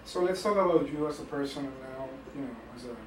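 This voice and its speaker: Casting note: fairly high-voiced male host, earnest, echoey distant mic. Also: fast talker, noisy background. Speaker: interview host, editor. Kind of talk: scripted opening then interview questions.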